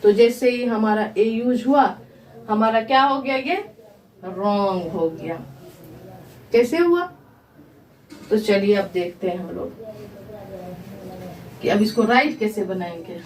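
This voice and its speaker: A woman's voice: medium pitch, darkish tone. A woman English teacher giving a grammar lesson, asking her students questions and answering them herself. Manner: slow, repeats questions to the class and answers them. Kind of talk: grammar lesson explained in Hindi. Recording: echoey room, voice from far.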